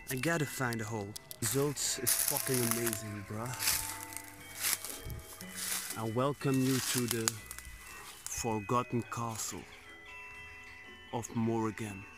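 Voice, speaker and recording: Holding his phone out on a selfie stick, a twenty-something urban explorer chats to camera in woods near an abandoned building. His medium-pitched voice carries casual, slangy vlog talk, and he calls his viewers bros.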